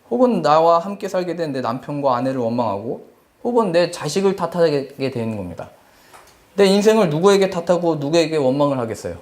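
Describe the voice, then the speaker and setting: A man's voice: a little high, darkish tone. A male Korean pastor preaching a Sunday sermon, reading scripture and voicing the people he quotes. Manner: earnest, quotes scripture and people in acted asides.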